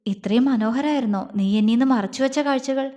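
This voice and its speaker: A woman's voice: sits high, a little fast, mellow, big-room sound, lightly acted. A woman voicing an affectionate, teasing young husband in a romance audio story, speaking in a coaxing, playful way.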